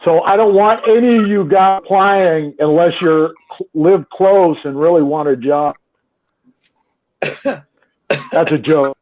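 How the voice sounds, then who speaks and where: A man who runs a restaurant, chatting casually over a video call. He talks haltingly with many pauses and restarts, and his audio is buzzy and glitchy, breaking up and freezing. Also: on the high side. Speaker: restaurant owner joining a live chat by video call. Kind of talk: casual chat. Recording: tinny, noisy call line.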